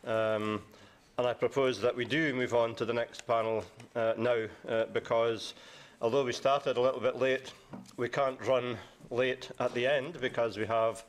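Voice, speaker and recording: A man's voice: mid-range voice, fairly even intonation, a little slow. Guy chairing a panel, stops and starts a lot, bit of hiss. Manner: hesitant, lots of uh fillers. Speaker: conference chair. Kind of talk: chairing a session. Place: conference room.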